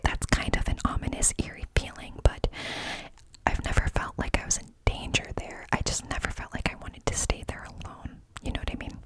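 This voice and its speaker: A woman speaks entirely in a breathy, unvoiced whisper, hushed as if everyone else is asleep at night. She tells her story casually, wandering conversationally from thought to thought, cupped close to the microphone in ASMR style. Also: rough recording. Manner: hushed, quiet-at-night confiding. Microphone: close microphone with cupped hands.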